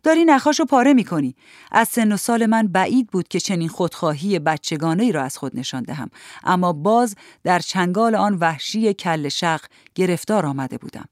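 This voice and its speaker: A narrator reads a literary story for an audiobook in a measured, even way. The voice sits at a middle pitch. It is recorded close and dry. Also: no room sound.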